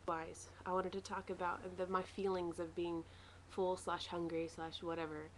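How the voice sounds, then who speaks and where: Lower-voiced woman in a noisy, rambling video diary. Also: level tone, moderate pace. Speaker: vlogger sharing a weight-loss surgery recovery diary. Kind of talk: casual personal video diary. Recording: noisy home video recording.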